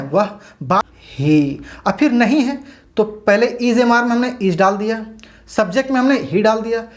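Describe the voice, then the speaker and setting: A woman teaching English grammar, asking questions and answering them herself, and slowly stretching out each English word. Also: on the high side. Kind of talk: classroom-style grammar lesson.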